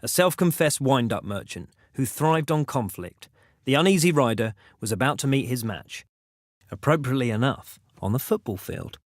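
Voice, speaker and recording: A man narrating a music documentary in a measured, dramatic delivery. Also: medium pitch, animated, no room sound, clean studio sound. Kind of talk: scripted narration.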